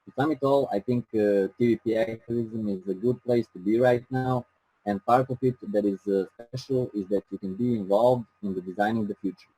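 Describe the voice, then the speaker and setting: A man from Serbia with a Serbian accent, giving a careful presentation with frequent pauses. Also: on the low side, mellow, slightly rough, no echo, rough recording. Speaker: activist presenter.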